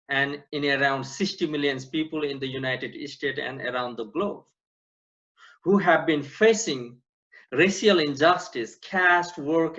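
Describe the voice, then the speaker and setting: A man from Nepal, president of an organization, giving a slow, earnest prepared welcome speech to an online conference. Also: fairly high pitch, a bit bright. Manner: slow, deliberate, earnest delivery. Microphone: video call. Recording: dull lo-fi online conference audio.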